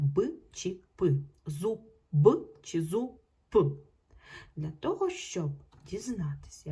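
A woman teaching a primary school video lesson, stretching out example words slowly and clearly for children. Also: lowish voice, warm tone. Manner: slow, drawn-out pronunciation of example words.

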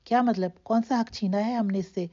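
A woman's voice: mid-range voice, steady tone, dark tone, close to an everyday voice. A woman voicing an anxious, loving older mother who speaks in a pleading, reproachful way in a storybook reading. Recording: dull lo-fi recording.

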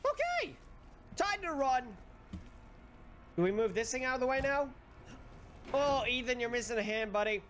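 A game streamer commentating live gameplay, excitable, swearing a lot and yelling at the game. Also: mid-range voice, brisk, slight background noise.

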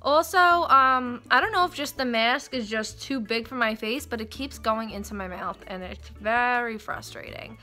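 High bright woman talking with mask edge in mouth. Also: moderate pace, hardly any pauses. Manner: chatty, addresses viewers directly. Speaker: beauty vlogger. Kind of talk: casual product review. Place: at home, lying on a couch.

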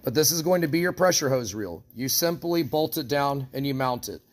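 A man's voice: medium pitch, animated, fairly quick. A man from an equipment shop explaining step by step how to build a trailer rig, talking practically while he handles the parts. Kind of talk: hands-on how-to walkthrough.

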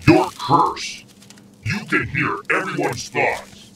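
A man's voice: fairly high pitch, lively intonation, slow pace, crowd noise. A man voicing an impersonal game system that makes ominous scripted announcements. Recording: very echoey, distant, noisy with clicks.

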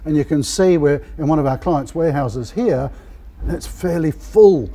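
A man's voice: a little high, normal speed, mellow. A man in his fifties hosting an interview in a large warehouse, upbeat and chatty, with a lapel mic. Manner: upbeat, chatty, frequent "yeah" affirmations. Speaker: host. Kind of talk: on-site interview.

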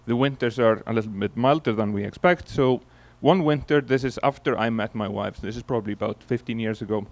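Speaking a little fast at a medium pitch, a forty-something Icelandic man with an Icelandic accent delivers a laid-back keynote into a handheld microphone from the stage of a large conference hall. His storytelling is peppered with fillers and false starts.

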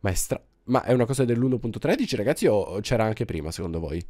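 A man with a cold and sore throat giving excitable, exclamatory gameplay commentary to his viewers. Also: lowish voice, fast talker, dry recording, clean studio sound. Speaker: gaming YouTuber.

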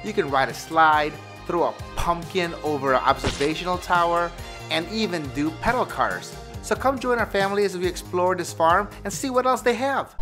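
An upbeat man narrates a family travel vlog with a fairly high voice. He talks chattily to a handheld camera outdoors. Soft music plays behind him. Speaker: vlog host. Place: outdoors at a farm.

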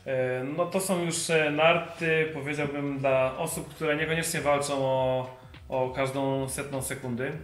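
A young man reviewing skis in a shop, explaining in a measured way and pausing to find his words. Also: mid-range voice, fairly even intonation. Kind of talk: product review. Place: ski shop, indoors. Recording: echoey shop with faint music.

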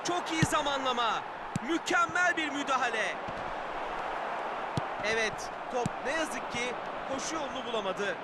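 Excited high-pitched male football commentator, loud noise behind. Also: normal speed, pauses often. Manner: excited, raised voice, calling out players and goals. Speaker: football match commentator in a video game.

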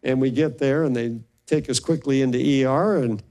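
A man's voice: medium pitch, normal speed, a little mellow. An older man, a pastor, telling a personal story in a sermon and acting out the voices of the people in it.

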